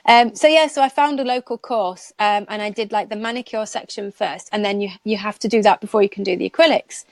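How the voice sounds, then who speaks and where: Speaking briskly in a mid-range voice, a woman who works as a nail technician rambles through her story with plenty of laughter. It's casual live chat, captured in a dry, close recording with hardly any room.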